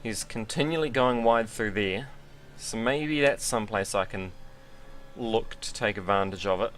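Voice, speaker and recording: A man's voice: lowish voice, moderate pace, a bit bright, a little hiss or hum. A man giving casual, rambling and self-deprecating commentary while sim racing.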